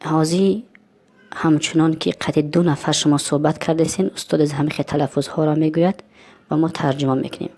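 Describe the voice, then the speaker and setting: A woman with a Tajik accent hosting a language lesson, saying words slowly and then explaining what they mean. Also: low voice, fairly even intonation, dark tone. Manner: repeats words slowly, then glosses them. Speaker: lesson host and translator.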